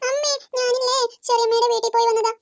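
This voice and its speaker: A performer voicing a touchy young girl in a cartoon who is quick to feel hurt and sulk. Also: very high voice, fairly even intonation, a little hiss or hum. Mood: explaining. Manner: sulky, quick to take offence.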